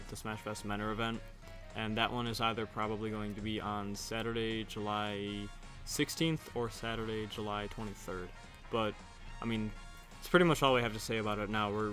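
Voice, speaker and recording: A man's voice: lowish voice, fairly bright tone. A young man co-hosting a casual chat about a gaming event, often laughing and padding his talk with fillers. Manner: laughs often, talks in quick bursts with fillers. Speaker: podcast co-host.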